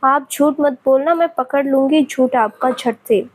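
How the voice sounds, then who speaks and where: A woman's voice: sits high, measured pace. A woman voicing a tearful, sulky young woman who scolds her sick partner in a pleading tone. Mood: tearful scolding.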